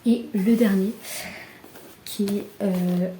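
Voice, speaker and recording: A young woman chatting casually about books in a soft, often half-whispered voice, with many fillers. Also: medium pitch, fairly even intonation, slow pace. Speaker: book vlogger. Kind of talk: casual book haul chat. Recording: echoey room with faint background hiss.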